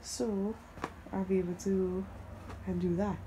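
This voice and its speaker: A woman chats casually for her vlog from a relative's home, rambling with plenty of fillers and laughing easily. Her voice is medium-pitched, level and a little slow, picked up by a phone on a monopod held a bit away, with a noisy background.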